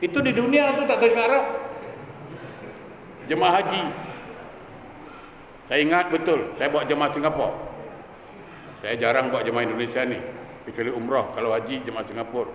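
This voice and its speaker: A man's voice: mid-range voice, a little fast, pauses often, a bit bright, slight background noise. A man preaching a humorous sermon in a mosque, telling stories and acting out the people in them. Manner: storytelling, acting out quoted voices. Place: mosque hall. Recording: echoey mosque hall, faint ambience.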